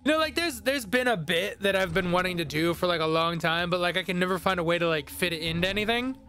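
A man's voice: high-pitched, animated, fast talker, pushed and bright. A young man co-hosting a let's play, chatting casually with lots of fillers, restarts and giggles. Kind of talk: casual gaming banter.

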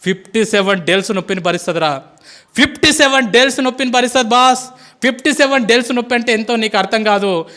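A male school teacher delivers an impassioned, pleading motivational speech to his students, calling them "boss." His voice is high with a fairly bright tone.

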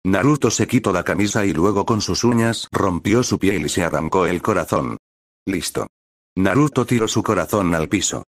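A man reading a fan story aloud in a steady storytelling manner. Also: low voice, a little fast, no echo, clean studio sound. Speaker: narrator.

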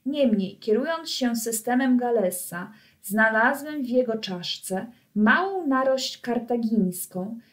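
Storybook ringmaster, pompous and showy, a woman reader putting him on, slow declamatory delivery. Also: a little high. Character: pompous male circus director, grandiloquent showman.

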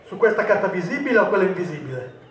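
A man's voice: high-pitched, big pitch swings, fast. A man performing as a stage magician, giving jokey, teasing patter to volunteers in a live comic magic show. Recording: echoey, distant stage recording.

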